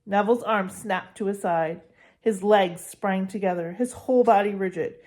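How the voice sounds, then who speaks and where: A woman's voice: mid-range voice, normal speed, darkish tone. Woman reading a storybook aloud. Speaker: narrator.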